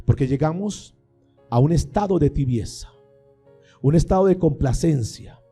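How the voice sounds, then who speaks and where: A man's voice: a little high, expressive, normal speed, creaky, warm tone, husky, faint music behind. A man preaching a sermon as pastor, passionate and emphatic, sometimes acting out the voices of believers and critics.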